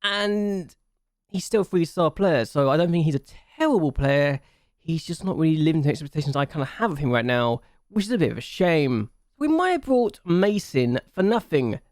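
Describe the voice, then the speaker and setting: A man's voice: sits high, no room sound, clean studio sound. A man hosting a game channel, chatting casually through his gameplay, thinking aloud and repeating himself for emphasis.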